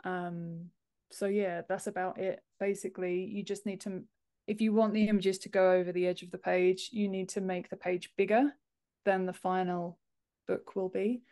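Her voice is mid-range, mellow, and level, at a normal pace. A book formatter in her thirties, she's a podcast guest answering interview questions in an explanatory way over a video call from an indoor home office, speaking through wired earphones.

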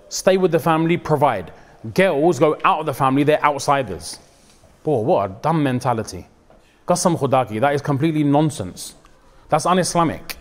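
A man's voice: on the high side, in a large hall. A man giving an informal, conversational sermon, often acting out what people say. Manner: conversational, animated, acts out quotes and mixes in religious phrases. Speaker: Islamic preacher.

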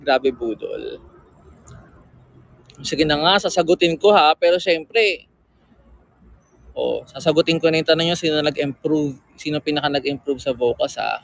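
A man's voice: fairly high pitch, unhurried, vocal fry, long pauses, dry recording, low-quality recording. A man chatting casually with fans on a livestream, teasing and reading their comments aloud, with a slightly sore throat. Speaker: livestream host.

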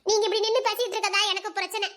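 A woman's voice: very high-pitched, fairly even intonation, very fast, fairly bright tone. A woman playing a hurt young village wife who speaks sharply and bitterly to her husband. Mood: defiant. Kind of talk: audio drama acting.

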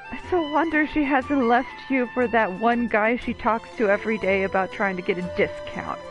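At normal speed and in a slightly high voice, a woman jokes casually through live gameplay commentary while streaming a video game. Audio quality is poor, with game music behind her stream mic.

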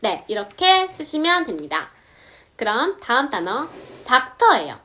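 A woman explaining English words step by step, saying example sentences slowly. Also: sits high, sing-song, bright, forceful tone. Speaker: English teacher. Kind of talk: casual video lesson.

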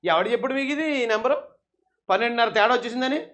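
A man's voice: very high-pitched, fast talker, a bit bright. A man giving heated political commentary, mocking and scolding his opponents in a sarcastic, taunting way.

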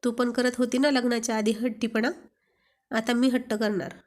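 A teasing young husband coaxes his wife over and over, voiced by a woman reading a storybook aloud. He is playful and insistent, with a fairly high voice. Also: flat delivery, moderate pace, a little mellow, natural voice. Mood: teasing, coaxing. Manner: teasing, coaxing.

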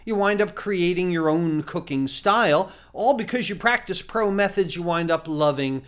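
Middle-aged male cooking instructor, animated and direct, to-camera from his home office. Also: high-pitched, moderate pace, smooth. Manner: animated, talks straight to camera with exclamations. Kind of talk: enthusiastic online cooking lesson. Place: home office with framed certificates, indoors.

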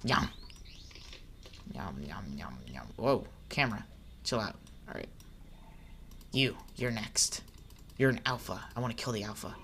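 A man giving excitable let's play commentary, chattering at the creatures on screen as he plays. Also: medium pitch, moderate pace, long pauses, a little hiss or hum. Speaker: gaming channel host.

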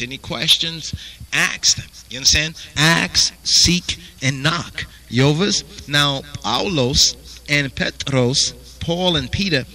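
Reading verses aloud in a Bible study, this man has a fairly high-pitched voice that sounds pushed and bright, captured on a low-quality recording. He tacks "you understand?" onto nearly every phrase, over and over.

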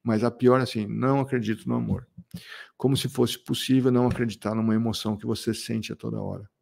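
Gravelly, mellow-voiced man coaching. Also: medium pitch, steady tone, fast. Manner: reflective, lists points and acts out others' excuses. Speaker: relationship coach. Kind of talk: motivational talk to camera.

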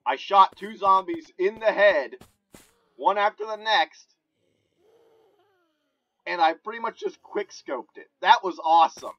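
A man giving casual, excitable commentary while he plays a shooting game, talking to himself into a close mic. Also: high voice, takes it slowly, long pauses, lo-fi sound. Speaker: gamer. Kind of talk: gameplay commentary. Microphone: desk mic held close. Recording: noisy home recording.

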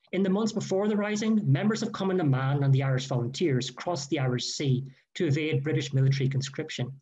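A man giving a formal, measured history lecture read from a prepared text. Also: on the high side, darkish tone. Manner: measured, careful delivery with quoted sources. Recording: dull lo-fi recording.

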